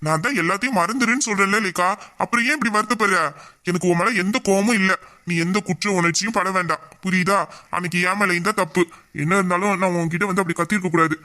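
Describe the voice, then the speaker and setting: A man's voice: sits high, fast talker, pushed and bright. A man voicing a young man in an audio drama who patiently comforts and reassures his tearful best friend. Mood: soothing. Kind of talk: emotional audio drama acting.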